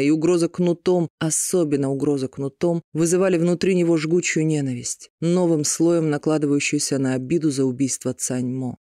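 A man narrating an audiobook with even, measured storytelling. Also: fairly high pitch, dry recording, clean studio sound. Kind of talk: scripted narration of a romance novel.

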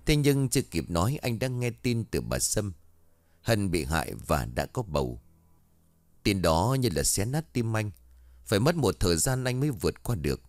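Male ghost story narrator, measured and expressive, close dry sound. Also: fairly low pitch, dry recording.

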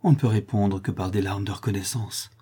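A man voicing a tender, emotional noble lady in a soft, breathy, half-whispered manner, for an audiobook. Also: on the low side, brisk. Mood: moved. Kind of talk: audiobook reading.

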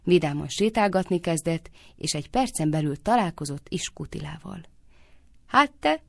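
Brief: female radio storyteller, low husky-gravelly tone, dry studio sound. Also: no room sound. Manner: steady narration, voices the characters.

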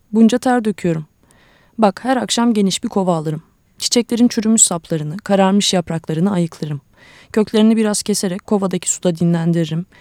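A woman's voice: mid-range voice, dark tone, dry recording, studio quality, lightly acted. A woman reading a sick, proud old grandfather. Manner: weary, reflective, kindly.

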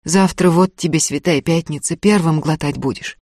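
A woman reading aloud voices a stern, bold young peasant woman who speaks in a flat, calm, hushed way. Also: sits low, moderate pace, no room sound, clean studio sound.

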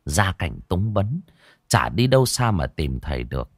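A man's voice: low-pitched, sing-song, normal speed, no echo, clean studio sound. A man narrating a scripted ghost story in a dramatic, suspenseful way.

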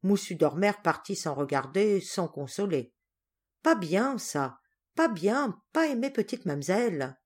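A woman voicing a devoted adult male servant who talks in slow, clipped, broken French. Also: mid-range voice, expressive, darkish tone. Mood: disapproving.

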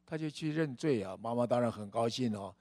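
A man's voice: mid-range voice, lively intonation, a little fast, darkish tone, no echo. A man preaching a storytelling sermon in a church, folksy in tone and asking rhetorical questions.

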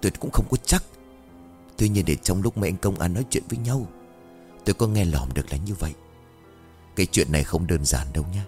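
A man doing a hushed, frightened village head. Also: deep voice, brisk, pauses often, faint music behind, close to an everyday voice. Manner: hushed, urgent, weary. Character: older village head, frightened but dutiful.

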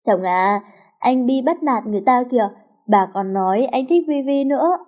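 A woman's voice: a little high, animated, moderate pace, highs cut off, close to an everyday voice. A woman voicing a spoiled teenage girlfriend who whines and clings. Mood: whiny.

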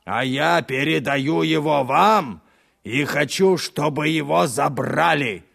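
A man voicing a sly, self-pitying working-class informer in an audiobook, pleading and sanctimonious, with a gravelly voice. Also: a little high, fairly bright tone, full character voice. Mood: sanctimonious, resolute. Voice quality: gravelly, creaky. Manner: wheedling, sanctimonious, drawn-out pleading. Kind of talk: dramatized audiobook reading.

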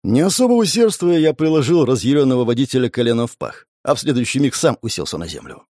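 A man reads a first-person audiobook with lively expression. His pitch moves widely through the story. The sound is dry and close, with no room echo. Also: fast talker. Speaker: audiobook narrator.

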